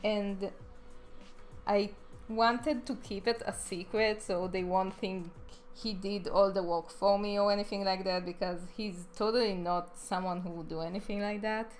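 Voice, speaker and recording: A woman's voice: medium pitch, fairly even intonation, a little slow, poor audio. A young adult woman in a casual, chatty, self-deprecating voice-over, pronouncing her R's as W's. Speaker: animator narrating a speed draw video. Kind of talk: casual rambling voice-over commentary. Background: music behind the voice.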